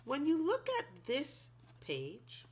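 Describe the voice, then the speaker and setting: Reading a picture book for children, this teacher-storyteller is expressive and instructive, posing simple questions to young listeners. Her voice sits high with huge pitch swings, delivered slowly, with a little hiss or hum in the background.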